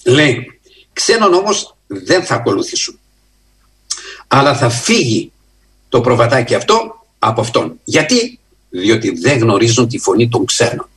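A man preaching a sermon in an earnest, emphatic way, often rising in pitch and slowing for stress. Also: husky. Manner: earnest, emphatic, with lively rises in pitch and slow stressed phrases.

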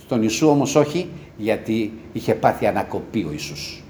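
A man preaching a sermon with passion, rising to loud cries and dropping to low murmurs. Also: lively intonation, slight background noise.

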